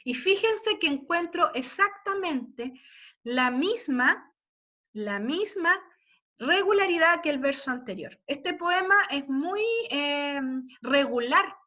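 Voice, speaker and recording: A woman teaches a class online in an unhurried, patient way, often stopping to check that everyone is following. Her voice is high-pitched. The audio is a muffled video-call recording. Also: animated, bright, forceful tone. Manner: slow, patient explaining with frequent check-ins. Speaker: literature teacher. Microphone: computer mic on video call.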